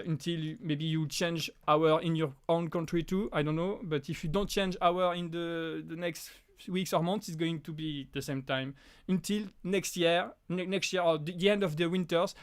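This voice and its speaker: Young male non-native English speaker, live-stream Q&A host, slightly high voice, halting delivery. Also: fairly even intonation, clear, resonant tone. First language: not English. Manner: hesitant, restarts often.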